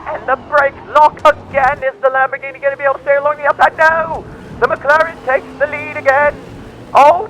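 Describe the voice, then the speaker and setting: A man's voice: very high voice, bright, forceful tone, a little hiss or hum, low-quality recording. A man putting on a theatrical 1950s announcer voice for dramatic play-by-play motorsport commentary in a racing game. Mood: excited, exclamatory. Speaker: race commentator.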